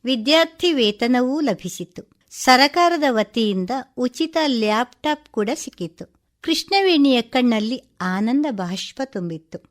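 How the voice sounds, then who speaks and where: A woman reading a short story aloud for radio in a measured, expressive way. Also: a little high.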